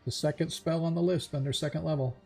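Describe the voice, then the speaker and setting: Man, gravelly creaky voice, game master, casual tabletop play, music behind. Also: fairly high pitch, fairly even intonation, fast talker, mellow. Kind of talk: running an online tabletop roleplaying game, casual.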